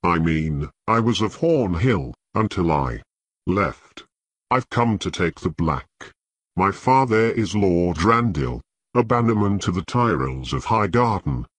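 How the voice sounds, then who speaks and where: A man voicing a timid, tearful fat young nobleman recruit who talks in halting, apologetic stammers. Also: low-pitched, lively intonation, fairly bright tone, slightly rough, no echo, exaggerated voice. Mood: nervous.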